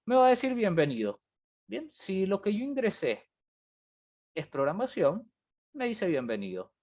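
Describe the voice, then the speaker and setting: Lively man teaching over a call. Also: high voice, measured pace. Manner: explanatory, repeats "fíjense" and "¿bien?". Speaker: programming teacher. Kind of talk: online review class. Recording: muffled lo-fi stream audio.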